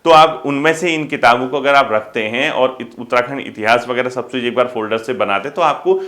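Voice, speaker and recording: A man's voice: mid-range voice, a little fast, a bit bright. A male coaching teacher, giving casual exam advice to students and asking them rhetorical questions. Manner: addresses students as kids, frequent rhetorical questions.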